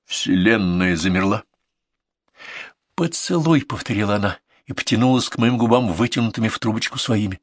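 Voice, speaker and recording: A man narrating a first-person story in a lively, dramatic reading style. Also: on the low side, fast talker, hardly any pauses, no room sound.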